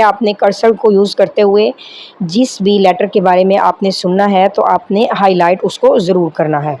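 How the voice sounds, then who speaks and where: A woman's voice: medium pitch, a little mellow, a little hiss or hum, low-quality recording. A woman with a Pakistani accent, an online Quran teacher giving a step-by-step lesson, explaining patiently and often checking in with her listeners. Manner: explanatory, checks in with repeated rhetorical questions. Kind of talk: instructional lesson, mixing Urdu with slowly read English lines.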